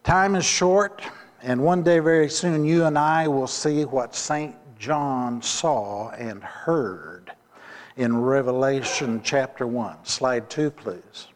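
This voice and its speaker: Guy preaching slow in a big echoey church, asks the crowd questions. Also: medium pitch. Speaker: pastor. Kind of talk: sermon. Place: church sanctuary. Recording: long reverb of a church hall.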